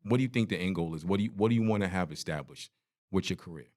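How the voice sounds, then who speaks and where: Speaking very fast in a low, slightly mellow voice, this man in his forties hosts a podcast interview. The conversation is casual, full of relaxed, slangy banter.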